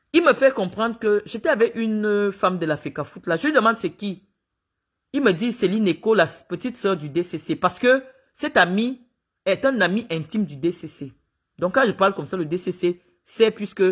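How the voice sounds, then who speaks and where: A woman's voice: fairly low pitch, a bit bright, breathy edge. A woman from Cameroon, speaking in an indignant, emphatic monologue as she recounts events and acts out the dialogue. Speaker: sports official speaking out. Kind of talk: spoken monologue, recounting and accusing.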